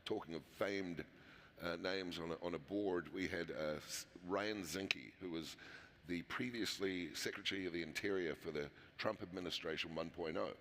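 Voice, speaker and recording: This New Zealand-accented founder, interviewed at a conference, talks in a relaxed, conversational way, stumbling into fillers and restarts often. He has a low-pitched, slightly bright voice at a moderate pace. There's long hall reverb and slight background noise.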